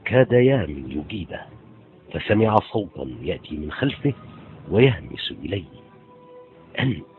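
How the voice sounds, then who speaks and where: A man's voice: low-pitched, very animated, normal speed. A man reading a novel aloud, narrating in a dramatic storytelling manner. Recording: tinny phone-like sound, faint music.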